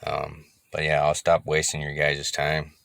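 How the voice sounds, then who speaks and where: A man's voice: a bass voice, monotone, unhurried, gravelly, fairly bright tone, no echo. A man talking casually to his viewers in a rambling, easygoing vlog style, repeating himself as he explains. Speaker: car audio hobbyist. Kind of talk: casual vlog talk to camera.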